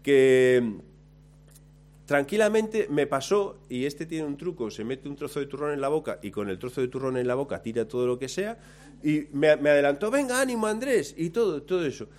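A man telling a lively, self-mocking story about himself, acting out his own lines along the way. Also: mid-range voice, moderate pace. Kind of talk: anecdote told to listeners.

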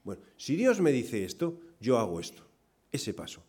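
A man preaching a sermon, talking straight to his congregation, asking them questions and swinging loud emphasis to quiet asides. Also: medium pitch, wildly swooping pitch, normal speed, breathy edge. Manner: conversational, asks the congregation questions.

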